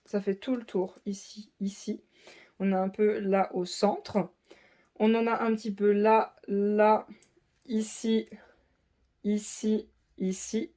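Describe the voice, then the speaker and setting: Woman calmly walking viewers through a craft kit. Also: mid-range voice. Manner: methodical, lists codes and points out spots; chatty, addresses viewers directly. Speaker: diamond painting channel host. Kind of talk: casual unboxing walkthrough.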